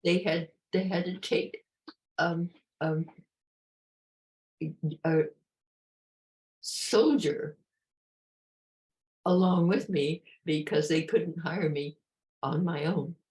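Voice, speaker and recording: A very old woman, about a hundred, recalling her life in an interview in a halting way, repeating words and restarting sentences. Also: fairly low pitch, steady tone, darkish tone. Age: about 101, very old. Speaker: interview guest, retired park ranger. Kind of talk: reflective personal interview.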